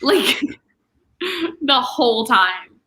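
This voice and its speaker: A woman's voice: sits high, big pitch swings, pushed and bright. A young woman hosting a casual livestream book discussion, chatty and full of "like" fillers. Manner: chatty, many "like" fillers, quick asides. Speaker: booktube host.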